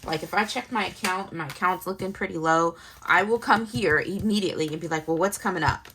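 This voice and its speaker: A woman's voice: lowish voice, fairly quick, pushed and bright, husky. A young woman chatting casually as she fills out her budget planner, thinking aloud and muttering numbers to herself. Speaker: planner vlogger. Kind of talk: casual narrated planner setup.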